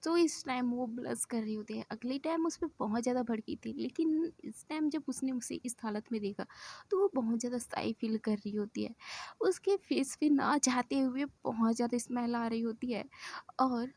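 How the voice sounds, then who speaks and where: A woman's voice: fairly high pitch, moderate pace, a little mellow, dry recording. A woman telling a romance story in a chatty, casual way, repeating phrases and correcting herself.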